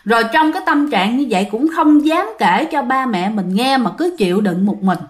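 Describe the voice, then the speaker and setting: Woman, Southern Vietnamese accent, high voice, casual ghost story telling, chatty, talks to listeners. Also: animated, moderate pace. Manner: chatty, addresses listeners directly, many fillers.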